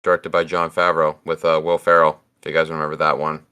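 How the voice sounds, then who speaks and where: A man's voice: extremely low pitch, completely flat delivery, brisk, sharp tone, clear, resonant tone. A man co-hosting a casual podcast chat, rambling through stories and laughing at them. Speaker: podcast co-host.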